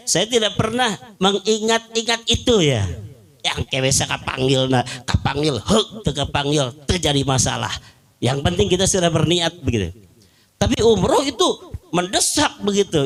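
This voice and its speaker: A middle-aged man with a Sundanese accent, preaching at a home gathering and telling stories mixed with Arabic quotations. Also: on the high side. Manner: lively storytelling, mixing in local phrases and Arabic quotations. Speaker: Islamic preacher.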